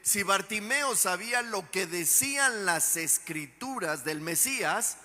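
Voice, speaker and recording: Male pastor preaching with emphasis, bright voice, long church reverb. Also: high voice, lively intonation, a little slow, faint music behind. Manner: emphatic, asks the congregation rhetorical questions. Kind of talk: sermon.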